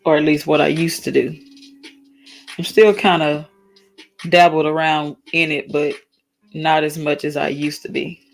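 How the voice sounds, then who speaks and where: A woman's voice: low-pitched, little pitch movement, unhurried, creaky, pauses often, soft background music. A tired woman with a slightly worn voice hosts a casual solo talk. She speaks earnestly, halts and restarts, and reads definitions aloud. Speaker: talk stream host.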